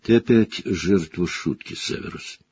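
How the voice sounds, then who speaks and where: A man acts out a haggard escaped prisoner, speaking in a low, hoarse rasp. It comes from a dull, lo-fi audiobook recording. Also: unhurried, darkish tone. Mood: desperate. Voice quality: hoarse, rasping.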